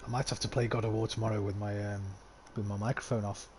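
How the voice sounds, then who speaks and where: A man's voice: on the low side, little pitch movement, fast talker, noisy background. A man streaming a game with a sore throat, chatting casually with viewers, swearing offhandedly and reading the game's dialogue aloud. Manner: swears offhandedly, talks to chat between lines.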